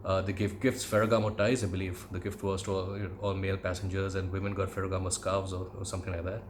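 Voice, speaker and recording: A middle-aged man from India with an educated Indian English accent, reminiscing in a conversational monologue with measured, hesitant phrasing. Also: deep voice, little pitch movement, a little hiss or hum. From Calcutta, India. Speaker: podcast host, aviation commentator.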